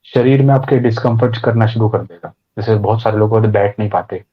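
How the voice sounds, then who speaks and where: Husky-voiced man explaining meditation. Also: on the low side, a little fast, muffled recording. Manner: explains with acted inner voices and everyday examples. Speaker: podcast guest, meditation teacher. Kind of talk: conversational explanation.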